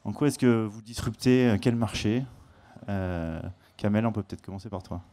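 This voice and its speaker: A man moderating a startup panel on a conference stage, chatty and halting, with frequent repeated words. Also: lowish voice, mellow. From France.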